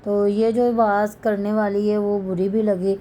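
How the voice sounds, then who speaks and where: Dark-voiced woman retelling a story. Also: medium pitch, level tone, unhurried, a little hiss or hum. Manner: agreeable storyteller, frequent "haan ji". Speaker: co-host recounting a vlog. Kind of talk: casual chat.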